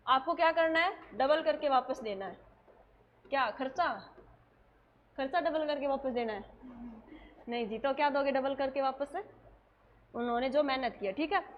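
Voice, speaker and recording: A woman's voice: high voice, lo-fi sound. A woman teaching a nursing class in a lecture style, asking questions and answering them herself.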